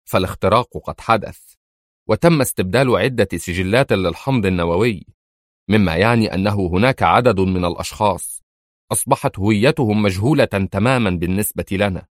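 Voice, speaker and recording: A sharp-tongued woman minister, read by a male narrator, cutting in with indignant heat. Her lines come in a low, dry voice. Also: no room sound, lightly acted. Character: angry female American foreign secretary.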